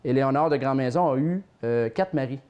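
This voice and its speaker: A man from Quebec's Mauricie region with a Québécois accent, telling family legends in a lively, playful way as an interview guest. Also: medium pitch, fairly quick, dull audio. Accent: Québécois French. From Saint-Tite, Mauricie, Quebec. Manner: lively, anecdotal, playful storyteller. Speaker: storyteller guest. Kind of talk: casual interview storytelling.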